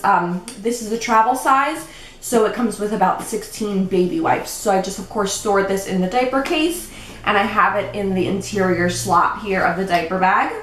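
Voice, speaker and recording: A woman's voice: on the high side, fairly bright tone. A young woman vlogging at home, chatty and a little out of breath as she explains things step by step. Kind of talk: casual show-and-tell vlog. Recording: echoey room with faint background noise.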